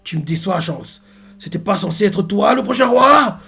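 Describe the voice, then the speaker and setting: A man voicing a bitter, boastful adult male clown pirate with a high, indignant, shouted delivery. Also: lively intonation, normal speed, creaky, slightly rough, soft background music, exaggerated voice.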